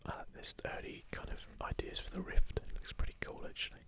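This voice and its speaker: This is whispered ASMR content: a video host flips through an art book and offers comments, her soft, unvoiced whisper slow and casual.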